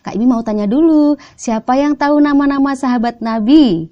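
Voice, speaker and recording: Speaking a little fast in a high voice over dull audio, a woman with an Indonesian accent tells animated stories to children. As a storyteller she is playful and coaxing, frequently drawing the kids in with questions.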